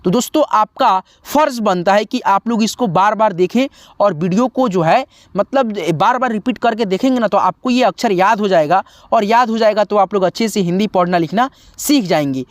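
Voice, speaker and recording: A man's voice: high-pitched, moderate pace, hardly any pauses, no room sound. A man teaching Hindi as a video lesson, reciting syllables one at a time and coaxing viewers to practice. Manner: chants syllables one by one, then coaxing and repetitive asides.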